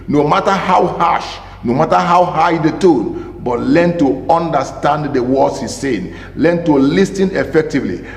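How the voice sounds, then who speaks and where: A man, a pastor and marriage counselor, giving an emphatic teaching talk to camera, repeating key phrases and asking rhetorical questions. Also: on the high side. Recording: roomy with long reverb.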